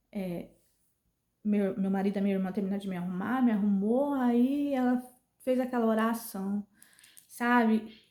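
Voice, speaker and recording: A woman's voice: on the high side, a little mellow. Brazilian woman in an echoey room. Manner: earnest, repetitive retelling. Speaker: vlogger. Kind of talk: casual personal storytelling. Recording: roomy echo.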